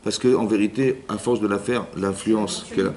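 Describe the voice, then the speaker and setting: A man, a rabbi, giving a Torah lesson in a lively way, acting out little inner dialogues and often checking that his listeners have understood. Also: fairly low pitch, a little fast. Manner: lively, acts out inner voices, keeps asking "vous avez compris?". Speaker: rabbi teaching a class.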